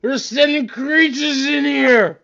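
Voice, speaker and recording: A man voicing a paranoid town drunk in a tabletop game, drunken and startled, with drawn-out exclamations. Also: very high-pitched, vocal fry, bright, forceful tone, dull audio, voice pushed up, heavily acted. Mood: drunken alarm. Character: paranoid male town drunk, panicked conspiracy ranter. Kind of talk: tabletop role-play.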